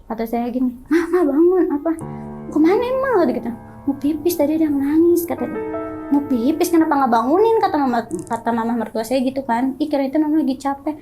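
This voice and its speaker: High-voiced woman with a lilt. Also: fast talker, faint music behind. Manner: animated, acts out others' lines in quoted voices. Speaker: guest telling her story. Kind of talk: telling a personal ghost story.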